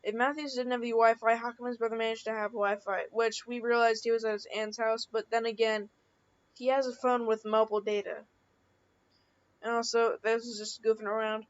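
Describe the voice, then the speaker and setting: A woman's voice: on the high side, level tone, a little fast, clean tone, lo-fi sound. A woman reading out chat messages in improvised, unscripted commentary, rambling with frequent restarts and fillers. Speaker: channel creator reading screenshots.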